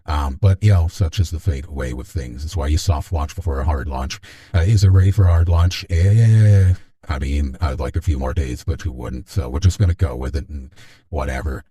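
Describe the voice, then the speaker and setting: Male stream host, voice-changed extremely deep, mellow, loose and rambling. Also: moderate pace. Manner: rambling, joking, many restarts. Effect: deepened voice changer. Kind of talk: casual stream chat.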